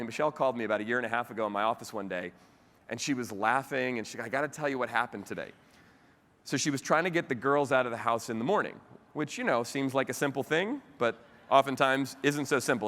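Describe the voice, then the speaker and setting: A man giving a motivational keynote speech to a convention audience and telling a family story with animated energy. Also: medium pitch. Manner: animated storytelling with the audience, voice rising sharply when telling a funny part. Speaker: keynote speaker. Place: large convention hall. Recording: live hall recording with long reverb.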